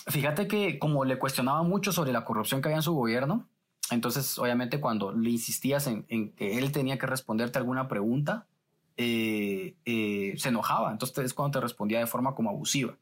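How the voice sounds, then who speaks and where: A man's voice: medium pitch, fairly quick. A man journalist, telling stories in a casual interview and acting out the exchanges he describes. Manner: lively retelling that acts out quoted exchanges.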